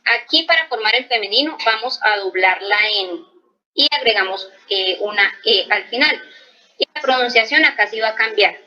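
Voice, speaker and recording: A woman's voice: on the high side, expressive, normal speed, sharp tone, poor audio. A woman teaching French grammar to Spanish speakers, explaining patiently and checking in often. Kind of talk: slow explanatory language lesson.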